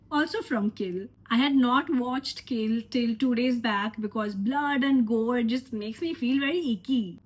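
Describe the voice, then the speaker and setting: A woman, congested with a cold, giving an opinionated, sarcastic casual review of a trailer. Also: high-pitched. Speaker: film reviewer.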